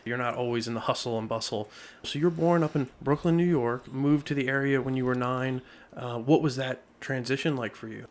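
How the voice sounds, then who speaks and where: A man's voice: mid-range voice, steady tone, brisk, few pauses. Casting note: thirties male host, mid-range voice, friendly and affirming, studio interview. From Lebanon, Pennsylvania. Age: 30s. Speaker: podcast host. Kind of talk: interview hosting. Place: podcast studio.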